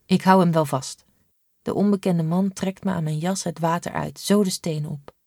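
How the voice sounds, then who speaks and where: A woman narrating a first-person audiobook in a steady, measured way. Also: fairly low pitch, vocal fry, no echo, studio quality. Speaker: audiobook reader.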